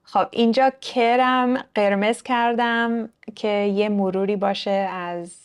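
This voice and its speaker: A young woman who hosts her own online channel, teaching Persian vocabulary with patient, clear explanations and English glosses. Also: medium pitch, steady tone. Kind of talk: online language lesson, explaining words.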